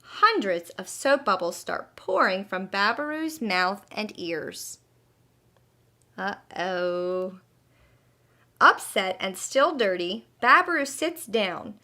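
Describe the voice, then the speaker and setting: Taking it slowly, a female storyteller reads a scripted children's tale with lively expression, speaking straight to young listeners. Her mid-range voice swings widely in pitch and has a sharp edge.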